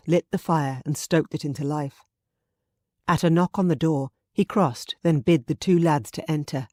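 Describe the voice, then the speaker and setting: Woman audiobook narrator, romance, mellow tone, dry close sound, even storytelling. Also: deep voice, no echo. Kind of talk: scripted narration.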